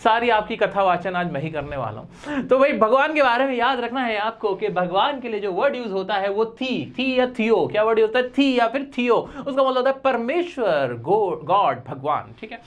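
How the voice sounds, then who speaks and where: A man's voice: sits high, expressive, moderate pace. Playful male vocabulary teacher. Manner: playful, repeats questions to students. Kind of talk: casual vocabulary lesson.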